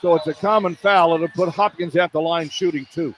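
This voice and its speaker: The play-by-play announcer here is a man whose voice is on the high side, fairly quick and fairly even in intonation, calling live college basketball for radio. Clipped running descriptions turn emphatic on big plays, and arena ambience and noise can be heard behind the live broadcast.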